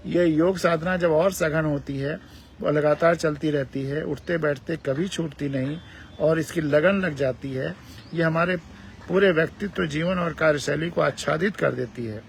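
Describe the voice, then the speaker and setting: A man delivers a calm spiritual discourse in a gravelly, slightly high voice. He speaks in measured phrases and restates key words again and again for emphasis. A faint hiss sits beneath his voice.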